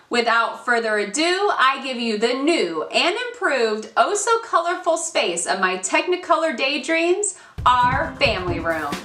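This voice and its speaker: A woman presents a scripted home show in a bright, forward voice that swings widely in pitch. She is chatty and gushing, with folksy turns of phrase. The sound is echoey, as if she stands away from the mic. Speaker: host of a home renovation show. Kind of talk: upbeat scripted vlog narration. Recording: roomy, distant, faint hiss.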